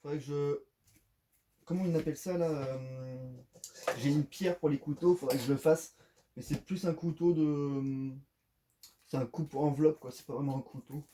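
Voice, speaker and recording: A man's voice: on the high side, fairly even intonation, moderate pace, dark tone, a little hiss or hum. A man giving casual, rambling unboxing commentary at home, full of fillers. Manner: rambling, filler-heavy, chatty. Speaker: unboxing vlogger.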